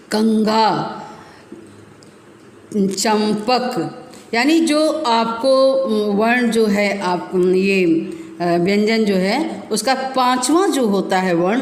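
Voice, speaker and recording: A woman teacher giving a recorded grammar lesson to children, explaining slowly and repeating terms. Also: mid-range voice. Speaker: school teacher. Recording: echoey room with long reverb.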